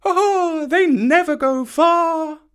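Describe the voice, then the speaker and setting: A man voicing a sharp-eyed old male kite bird that watches the jungle and talks in a wry, chuckling way. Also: extremely high pitch, extremely slow, voice pushed up, full character voice. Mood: amused. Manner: chuckling, knowing.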